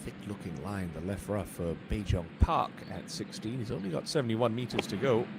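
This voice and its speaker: A man working as a golf commentator, giving measured live play-by-play with short observations on each shot. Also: on the low side, gravelly. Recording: loud ambient noise throughout.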